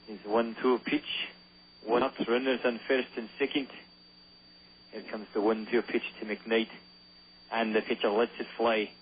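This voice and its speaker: A man's voice: medium pitch, flat delivery, measured pace, long pauses. A man calling baseball play-by-play on local radio, loose and joking, sometimes stumbling over player names. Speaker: play-by-play announcer. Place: ballpark broadcast booth. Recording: phone-line quality with faint hiss.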